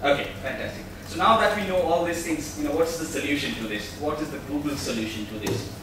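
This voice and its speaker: A male presenter at a tech meetup stands at a podium in a big meeting room, giving an explanatory talk and posing questions to listeners. His voice is on the high side and fast. The audio, from a distant camera mic, is noisy and echoey.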